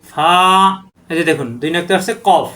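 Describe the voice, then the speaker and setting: A man teaches Quran letters one at a time at normal speed, his voice on the high side. Each letter name gets a long, stretched-out chant before he describes its pronunciation.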